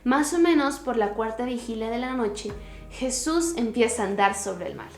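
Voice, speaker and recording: A woman hosting a devotional podcast, teaching and retelling a Bible story in an earnest, emphatic way with pauses and restarts. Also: on the high side, animated, darkish tone. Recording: roomy echo with faint music.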